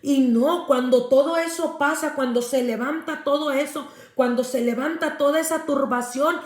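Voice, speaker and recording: High-pitched lady pastor sharing her testimony, earnest, talking right to you, roomy echo. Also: normal speed. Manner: earnest, speaks directly to a listener. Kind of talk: personal faith testimony.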